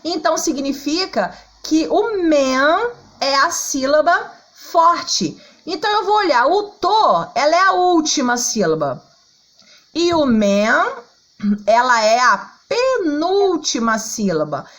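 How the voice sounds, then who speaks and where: Slow, lively Brazilian teacher woman. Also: high-pitched, low-quality recording. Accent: Brazilian Portuguese. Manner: slow, patient, sings out syllables to show stress; checks in often with "tá?" and "ó". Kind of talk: online lesson for schoolchildren.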